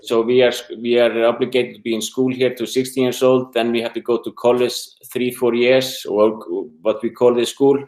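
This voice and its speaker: A middle-aged man from Iceland with an Icelandic accent, an interview guest talking haltingly in English, his second language, searching for words. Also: medium pitch, flat delivery, darkish tone. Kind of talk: casual interview talk. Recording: roomy echo.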